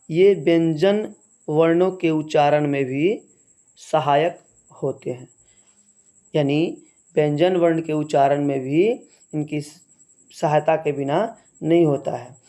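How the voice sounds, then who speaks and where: Slow, mellow-voiced male Hindi teacher. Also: fairly high pitch, steady tone. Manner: slow, measured, repeats "है ना" as a check-in. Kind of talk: slow explanatory lesson.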